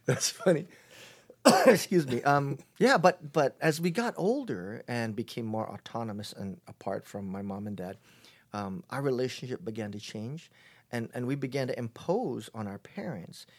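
A middle-aged man talking reflectively as an interview guest, halting often and restarting his sentences. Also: medium pitch, animated. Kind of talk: casual conversation.

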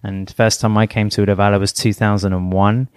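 A man's voice: fairly low pitch, level tone, brisk, clean tone, no echo, studio quality. A middle-aged man co-hosting a podcast, talking things through in a thoughtful, rambling way with many fillers. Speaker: podcast co-host. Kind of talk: casual chat.

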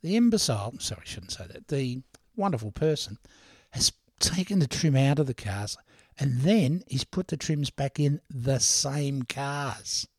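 A man's voice: medium pitch, animated, unhurried, husky, no room sound, studio quality. An older Australian man hosting a podcast, telling anecdotes in a chatty, laughing way. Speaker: podcast host. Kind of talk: storytelling monologue.

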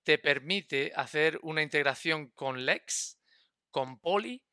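Bright, crisp-voiced man explaining tech. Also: fairly high pitch, takes it slowly, dry recording, studio quality. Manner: stop-start, repeats words while thinking. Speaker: guest expert. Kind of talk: technical explanation in a podcast.

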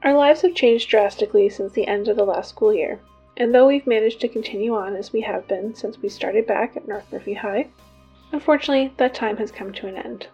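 A composed student addresses the whole school over the intercom, formal and solemn, as an actress plays her. Her voice is slightly high, mellow and breathy. The sound is dull and lo-fi, as if coming through the PA. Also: a little fast, soft background music. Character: composed young woman high school student making announcements. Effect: speaking over a school intercom (PA system).

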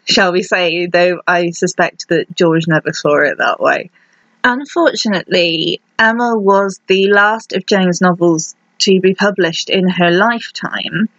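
A woman's voice: mid-range voice, fairly bright tone, no echo. A woman hosting a podcast, telling history in a casual, chatty way with wry asides. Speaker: podcast host. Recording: dull, dry lo-fi sound.

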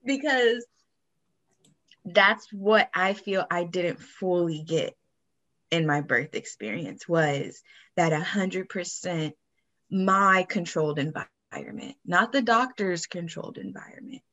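A woman's voice: on the low side, takes it slowly, fairly bright tone, muffled recording. Woman, podcast co-host, casual chatty storyteller, easy laughs. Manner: frequent fillers like "like" and "you know".

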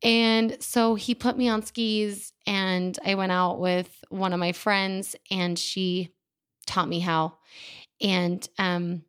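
A woman in her thirties hosts a podcast, speaking straight into the microphone. Her voice is smooth and resonant at a middle pitch. She talks in a candid, chatty way and pokes fun at herself. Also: level tone, takes it slowly. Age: 30s. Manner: candid, chatty and self-deprecating. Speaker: podcast host. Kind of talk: casual personal monologue. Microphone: studio microphone.

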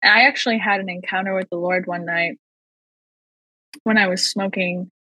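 A woman with a husky, slightly breathy voice tells her personal faith testimony as a podcast guest. She speaks earnestly and slows down to lean on the words that matter. The sound is close and dry, with little room around it. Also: mid-range voice, steady tone, bright, forceful tone, no room sound, poor audio. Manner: earnest, slow and emphatic on key phrases.

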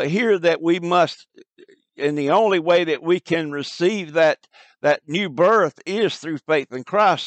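Male preacher, slightly high voice, emphatic repetitive sermon delivery, dry close recording. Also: dry recording.

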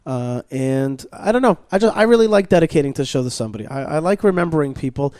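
A man's voice: on the high side, lively intonation, quick pace, a little mellow, no room sound, studio quality. A man hosting a radio talk show, chatting casually and doing sponsor plugs with many restarts and fillers. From Israel. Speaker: podcast host. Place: studio at a learning center.

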